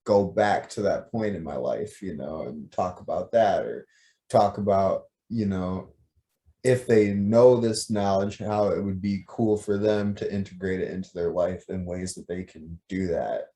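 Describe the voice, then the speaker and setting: Mellow-voiced young man, easygoing. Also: sits low, measured pace. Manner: relaxed, filler-heavy, modest. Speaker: musician guest. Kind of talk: casual interview chat.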